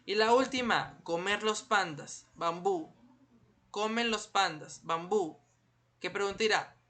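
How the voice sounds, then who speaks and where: A man's voice: high voice, takes it slowly, pushed and bright. A man teaching an online class. He patiently asks his students questions and then answers them himself. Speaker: primary school teacher.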